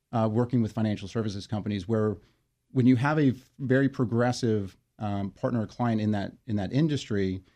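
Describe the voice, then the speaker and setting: A man being interviewed as a guest, explaining his work in a measured way with frequent fillers and restarts. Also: lowish voice, dark tone. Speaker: interview guest, financial wellness company leader. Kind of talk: conversational interview.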